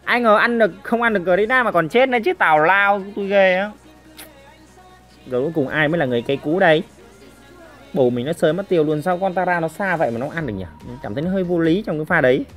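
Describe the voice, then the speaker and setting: Brief: female game streamer, excitable commentary, low register, soft music bed. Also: quick pace. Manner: excitable, makes shooting sound effects, chats to viewers. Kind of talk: live gameplay commentary.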